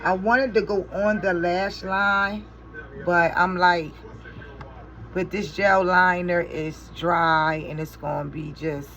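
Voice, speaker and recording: A chatty middle-aged woman, a beauty vlogger and mother, tells animated stories to her viewers while doing her makeup, speaking slowly in a lowish voice. She gets exasperated and swears in frustration. The recording is muffled, with faint music behind her.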